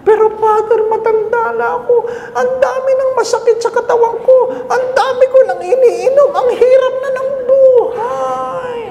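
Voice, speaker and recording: A man's voice: fairly even intonation, moderate pace, vocal fry, few pauses, a little mellow. A priest putting on a whiny 85-year-old woman. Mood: complaining. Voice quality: high, wavering old voice. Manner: whiny, self-pitying. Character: frail complaining old woman, 85 years old. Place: chapel. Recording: echoey chapel with background noise.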